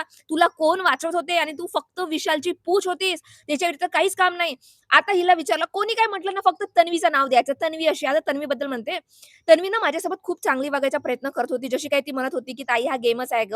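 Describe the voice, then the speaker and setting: A woman's voice: very high voice, fairly bright tone, no room sound, studio quality. A young woman vlogger giving her sarcastic, indignant take on a reality show, scolding and mixing in English and Hindi words. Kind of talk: opinionated reaction vlog.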